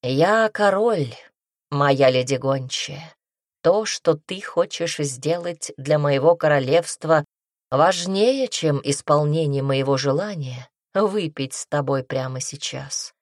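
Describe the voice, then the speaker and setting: A woman voicing a smug, seductive male king who speaks in a slow, low, purring way. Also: dry recording, studio quality. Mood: commanding.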